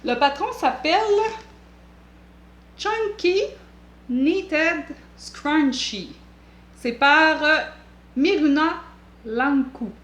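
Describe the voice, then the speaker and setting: A woman's voice: sits high, animated, extremely slow, long pauses, fairly bright tone, echoey room, highs cut off. A woman with a Québécois accent hosting a knitting vlog, chatting casually in a rambling, playful way with jokey asides. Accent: Québécois French.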